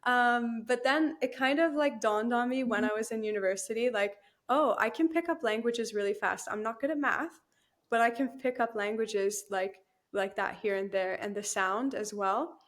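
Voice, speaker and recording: Speaking at a moderate pace in a voice on the high side, a young woman from Canada guests in a relaxed interview as a new team member, full of easy laughter and filler words.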